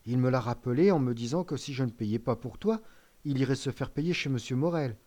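Man reading as a frail old dad, poor and proud, soft tired voice, kinda quiet and low, audiobook style. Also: fairly quick, natural voice. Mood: weak, tender. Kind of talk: audiobook character voice.

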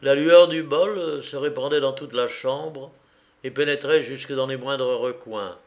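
A man reading a literary story aloud in a slow, measured, expressive way. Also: mid-range voice. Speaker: audiobook reader. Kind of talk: literary narration.

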